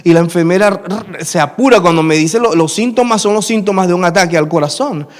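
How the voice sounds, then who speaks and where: A man's voice: high-pitched, fast talker. A man, preaching a sermon and telling a personal story, acting out the dialogue. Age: 30s. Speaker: pastor.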